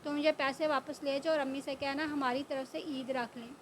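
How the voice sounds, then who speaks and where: A woman's voice: high-pitched, steady tone, fairly bright tone, a little hiss or hum. Woman voicing a resigned kind mother. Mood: soothing. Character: kind middle-aged mother and aunt, resigned.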